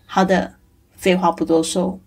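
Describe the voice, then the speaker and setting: Low creaky husky lady host, chatty podcast intro, lots of filler words. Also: level tone, normal speed, noisy background. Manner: chatty, with many filler particles.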